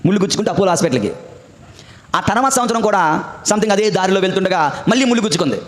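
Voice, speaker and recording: A man's voice: sits high, animated, racing. A man who is a priest, preaching a sermon with stories and repeated refrains. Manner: storytelling preacher with repeated refrains and call-and-response. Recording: echoey church hall.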